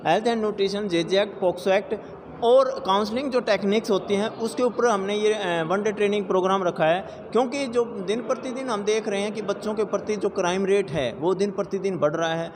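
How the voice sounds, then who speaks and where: A man's voice: high voice, brisk. A man, a child protection official, giving an interview statement with many hesitations and fillers. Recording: reverberant hall with loud noise.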